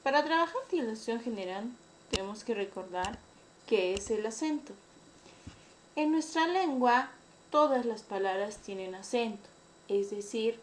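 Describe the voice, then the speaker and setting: A woman with a Peruvian accent teaches an online class with a fairly high voice. She takes her time, laying out each step slowly and carefully for her pupils. Her delivery is patient and unhurried. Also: slight background noise. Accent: Peruvian Spanish. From Peru. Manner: slow, careful explanation for pupils. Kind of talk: virtual class lesson.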